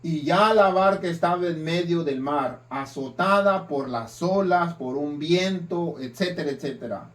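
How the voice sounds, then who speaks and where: A man preaching a sermon in an emphatic style, with dramatic swings between loud and soft. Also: fairly high pitch, a little slow, few pauses. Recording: distant mic.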